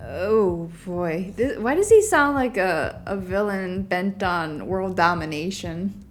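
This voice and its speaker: A woman's voice: on the low side, lively intonation, slow, faint music behind. A woman giving casual, playful game commentary, thinking aloud and talking back to the characters. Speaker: gamer playing through a story game.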